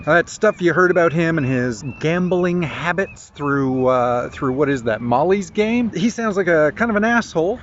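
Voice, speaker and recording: Man vlogger, rambling and opinionated, mid-pitched, slightly dull lo-fi outdoor sound with faint ambience. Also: slight background noise. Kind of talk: casual walking vlog monologue. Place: outdoors on a morning walk with a dog.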